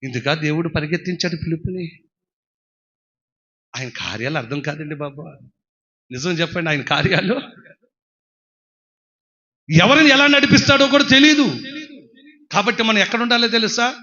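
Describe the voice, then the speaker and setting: A male preacher delivering a sermon, swinging between shouted exhortation and hushed pleading, calling the congregation to give praise. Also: fairly high pitch, animated, normal speed, long pauses, muffled recording.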